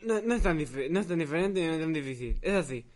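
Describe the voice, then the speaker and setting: A young man with an Argentine accent hosting a comedy podcast sketch, excitable and full of slang. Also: on the high side, a little fast. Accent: Argentine Spanish. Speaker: podcast host.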